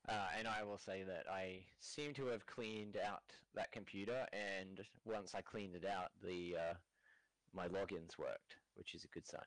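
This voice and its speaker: A man's voice: low-pitched, fairly even intonation, a little slow, fairly bright tone, no room sound, poor audio. A man playing in a tabletop game, speaking in a matter-of-fact way. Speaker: player. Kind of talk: casual game chat.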